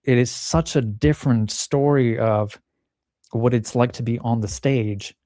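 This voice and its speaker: A middle-aged Czech man appears as a podcast guest, speaking candidly and thoughtfully in a mid-range voice that's dark in tone and a little slow. He often restarts phrases and acts out lines he remembers during this reflective interview. The studio-quality recording has no room sound.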